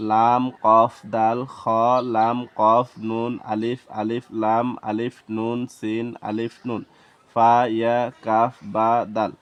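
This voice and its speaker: Man, Bangladeshi Bengali accent, Quran reading teacher, clear smooth voice, flat steady delivery, letter-by-letter spelling. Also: mid-range voice, dull audio. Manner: spells each letter and vowel mark, then chants the verse slowly. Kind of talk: slow spelling-out recitation lesson.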